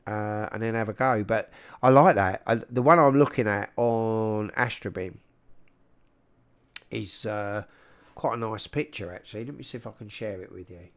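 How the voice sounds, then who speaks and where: Hosting a livestream with a South London accent, a man talks at a moderate pace in a lowish voice. He keeps the chat casual and matey, calling people "mate," right up on a large microphone.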